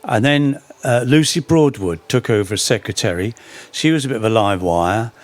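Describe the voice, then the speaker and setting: Man, folk history talk, anecdotal storyteller, wry asides, swooping expressive pitch, mid-range voice. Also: moderate pace, dry recording. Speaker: speaker on folk song history.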